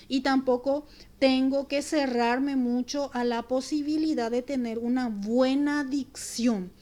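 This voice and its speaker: High-voiced woman teacher explaining a lesson. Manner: clear, deliberate explanations with examples. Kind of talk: recorded remote class lesson.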